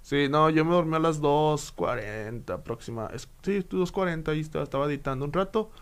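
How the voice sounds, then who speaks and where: A man's voice: a little high, expressive, brisk. A man with a Mexican accent hosting a casual podcast, bantering in profane, joking slang. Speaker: podcast host.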